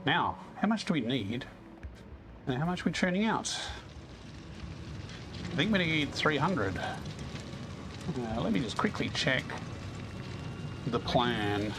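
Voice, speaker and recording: A man's voice: medium pitch, very animated, slow pace, pauses often, over music. A man giving casual gameplay commentary, thinking aloud in a self-deprecating way as he hosts. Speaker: gaming video host.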